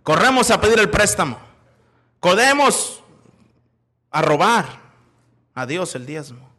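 A high-pitched man preaches a sermon. His voice is bright and ringing, and he talks in a folksy, joking way, jumping from loud calls to hushed asides as he tells stories. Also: slow pace. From Mexico. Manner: animated, swings from loud calls to quiet asides. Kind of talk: sermon with storytelling.

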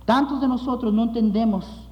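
A man preaching as pastor, emphatic, repeating phrases for weight and dropping low at the ends of phrases. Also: moderate pace, dull audio. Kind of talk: sermon with illustrative stories. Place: church sanctuary. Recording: long hall reverb.

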